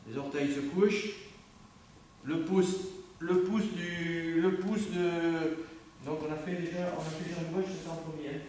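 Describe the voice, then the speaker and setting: A man's voice: on the high side, fairly even intonation, a little slow, darkish tone, a little hiss or hum. A man with a French accent coaching a student on a dojo mat, correcting and repeating himself. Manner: corrective, repeats himself, breaks off mid-phrase. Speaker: judo instructor. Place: judo dojo, indoors. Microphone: camera from across the room. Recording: very echoey room recorded from far off.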